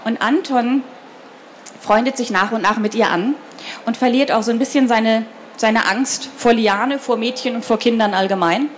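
A woman reading a children's novel aloud in the first person and then talking lively and directly to young listeners about the story. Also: a little high, normal speed, slight background noise. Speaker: reader of a children's book.

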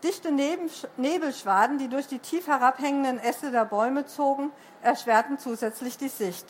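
A woman reading a children's book aloud at a bookshop event, lively storytelling with occasional slips. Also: sits high, normal speed, slight background noise.

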